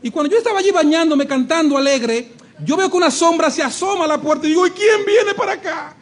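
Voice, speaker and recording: A male pastor preaches in a strikingly high voice. He acts out the voices he quotes, drops to a hush, then rises to a shout. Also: quick pace. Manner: animated preaching, acting out quoted voices, shifting between hushed and shouted. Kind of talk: sermon.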